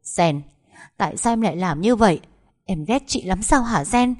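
A woman's voice: medium pitch, animated, moderate pace, pitched above the performer's own voice, lightly acted. Woman voicing a grieving young wife. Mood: anguished. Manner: pleading, sobbing. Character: grieving young wife who lost her baby.

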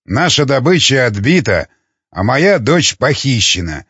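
A brutal, enraged hunter snarls crude threats at his men, as a male audiobook narrator puts him on. The voice swings widely in pitch from low hisses to sharp barks. It sounds dry and a little dull, with no room around it. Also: very animated, a little slow, slightly rough, no room sound, heavily acted. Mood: menacing.

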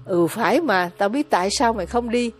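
A woman voicing a greedy, hot-tempered older village mother who scolds loudly and harshly in a storybook reading. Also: mid-range voice, lively intonation, brisk, lightly acted. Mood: gloating.

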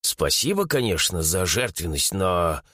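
A man voicing a brash, impatient young male mage with mocking, quick retorts. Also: low-pitched, sing-song, bright, forceful tone, dry recording, clean studio sound, pitched below the performer's own voice, exaggerated voice. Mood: serious. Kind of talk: audiobook character voice.

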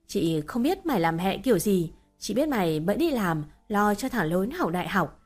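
A woman voicing a bossy middle-aged village woman who scolds loudly. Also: mid-range voice, big pitch swings, moderate pace, faint music behind. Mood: scolding. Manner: loud, scolding, exclamatory.

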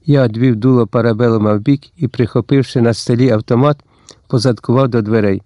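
A man reading a first-person audiobook with lively storytelling that slips into a slangy tough-guy voice. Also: medium pitch, brisk, no room sound. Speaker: audiobook narrator. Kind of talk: scripted first-person narration.

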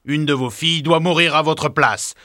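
A man voicing a fearsome male beast who speaks sternly and commands loudly in an audiobook story. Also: a little high, normal speed, dry recording, studio quality. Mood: menacing. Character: fearsome male beast, castle lord, harsh. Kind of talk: audiobook drama.

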